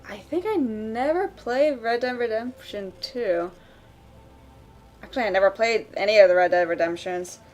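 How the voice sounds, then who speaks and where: A woman streamer chatting casually while she draws, rambling with many fillers and quick laughs. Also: fairly high pitch, darkish tone. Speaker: streamer drawing live. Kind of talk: casual chat while drawing. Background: faint background music.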